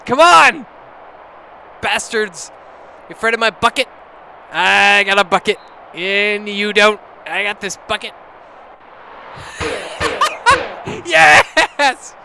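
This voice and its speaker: A drunk man commentating on a wrestling video game, swearing, shouting and laughing at what happens on screen. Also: sits high, slow pace, creaky, pauses often, slight background noise. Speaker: gameplay commentator. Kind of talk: drunk let's-play commentary. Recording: game music behind the voice. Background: video game music.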